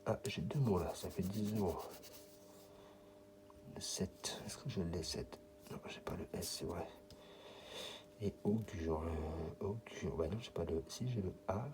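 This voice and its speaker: A man's voice: low voice, slow pace, long pauses, noisy background. A French man giving casual running commentary, muttering and half-whispering letters as he checks a card. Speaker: scratch-card vlogger.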